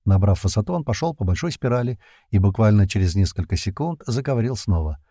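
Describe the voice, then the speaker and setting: A man narrating an adventure audiobook in the first person, in a steady storytelling manner. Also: on the low side, quick pace, dry recording, clean studio sound.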